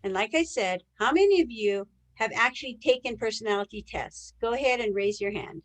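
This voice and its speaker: Fairly high-pitched and lively in intonation, this woman speaks fairly quickly over poor audio. She is a native English speaker training people in sales live online, regularly asking her listeners rhetorical questions.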